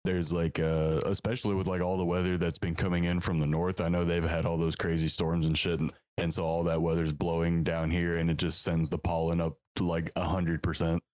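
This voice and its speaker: A man's voice: low voice, flat delivery, a little fast, few pauses, a little mellow, no echo. A man from Texas, a band member guest on a podcast, answering in a laid-back conversational way. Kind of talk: casual interview chat.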